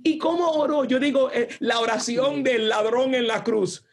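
Husky woman giving an earnest devotional talk. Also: on the high side, normal speed, a little mellow. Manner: earnest, conversational, acts out prayers with many restarts.

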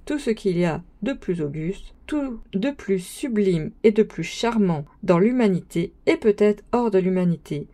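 A woman's voice: mid-range voice, lively intonation, unhurried, hardly any pauses, mellow, lightly acted. A woman voicing a pompous young male student who lectures his friends in a grand, sermonizing manner, read as an audiobook. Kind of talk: audiobook reading.

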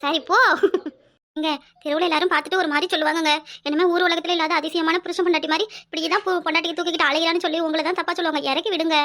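A tender, teasing young village wife speaks in a very high, sing-song voice, as a woman acts her out. She talks fast with a bright tone and a southern Tamil accent. She is a cartoon wife who is expecting a baby. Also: little pitch movement, heavily acted. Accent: southern Tamil (Tirunelveli). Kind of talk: cartoon voice acting.

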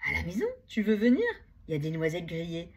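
A woman voicing an eager little male hamster who wants to be a cowboy, talking excitedly in a storybook reading. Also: on the low side, quick pace, a little hiss or hum. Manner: excited, shouting.

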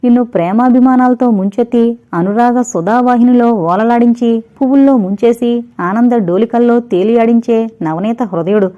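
A woman's voice: on the high side, lightly acted. A woman voicing a young woman's inner conscience in a storybook reading, pressing every word emphatically. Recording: dull lo-fi recording.

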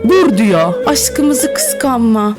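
High, lively Turkish woman streamer. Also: very slow. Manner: teasing, laughs often, talks to viewers. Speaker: Roblox roleplay streamer. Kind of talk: game commentary. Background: background music.

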